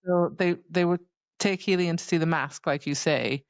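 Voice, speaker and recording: Here a woman's fairly low voice moves at a moderate pace as she co-hosts a podcast and talks casually about a book. There's no echo, though the close-miked audio comes across dull and slightly muffled.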